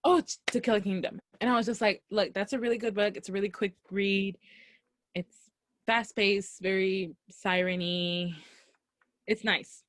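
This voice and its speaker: A young woman co-hosting a podcast, telling a casual story and acting out the dialogue with lively energy. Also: mid-range voice, normal speed, dry recording. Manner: animated, acts out quoted dialogue. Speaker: podcast co-host. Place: Los Angeles area.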